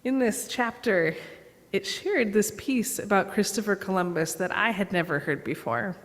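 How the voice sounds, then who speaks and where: A woman giving a sermon as guest preacher, telling stories and acting out dialogue in an animated way. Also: medium pitch, moderate pace. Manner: animated storyteller, acts out dialogue. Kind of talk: sermon with storytelling. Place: church sanctuary. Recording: long church reverb.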